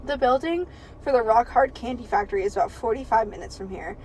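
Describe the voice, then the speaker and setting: A woman voicing a male secret agent colleague in a read-aloud story, in a quiet, plain voice. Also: a little high, fast, a little hiss or hum, lightly acted, poor audio. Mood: matter-of-fact.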